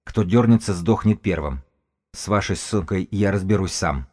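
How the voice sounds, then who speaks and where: A man's voice: low voice, normal speed, darkish tone. A man voicing a stubborn, menacing male gang chief who gives curt, blunt orders. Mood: threatening.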